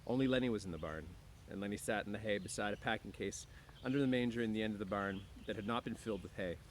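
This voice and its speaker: Outside near the woods, a fairly low-voiced man speaks fast, chatting with students and reading a book aloud in a laid-back teaching style. He often clears his throat, and the recording clearly picks up outdoor background noise.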